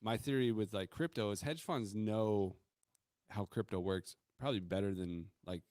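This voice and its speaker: A man co-hosting a casual bar-talk podcast, asking halting, rambling questions full of fillers. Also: fairly low pitch, a little mellow, dry recording, studio quality. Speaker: podcast co-host.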